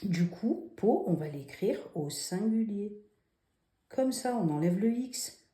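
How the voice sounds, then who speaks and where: Slow, mellow-voiced woman teacher. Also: medium pitch, expressive. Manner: patient, explains step by step with rhetorical questions. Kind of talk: spelling lesson for children. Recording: roomy echo.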